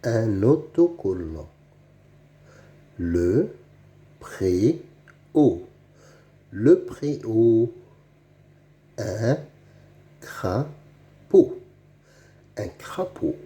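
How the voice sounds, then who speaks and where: Slow, dark-voiced man teaching reading. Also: on the low side, big pitch swings. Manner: repeats each word twice, spelling out sounds letter by letter. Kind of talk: slow, deliberate reading lesson for children.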